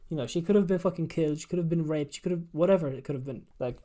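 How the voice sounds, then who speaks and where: A man's voice: on the high side, racing, dark tone. A man hosting a casual gaming chat, retelling scenes in a rambling, sweary way, full of "like" and "you know". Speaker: podcast host.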